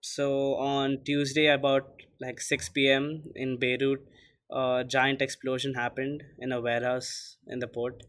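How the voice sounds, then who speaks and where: A man's voice: medium pitch, little pitch movement, a little slow, a bit bright. A teenage boy from India co-hosting a casual podcast, talking loosely with lots of fillers. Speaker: podcast co-host.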